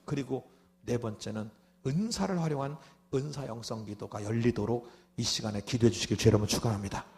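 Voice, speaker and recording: A man preaching a sermon as pastor at a revival meeting, animated, with rhetorical asides, who acts out prayers and builds into loud shouted prayer. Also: mid-range voice, a little fast, gravelly.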